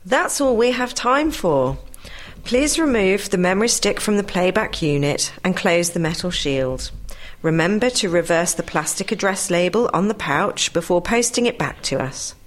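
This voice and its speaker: A woman presenting a talking newspaper in a clear, measured reading voice. Her pitch sits on the low side for a woman, and she reads notices and thanks in a steady, even manner. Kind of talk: read-aloud announcements and joke.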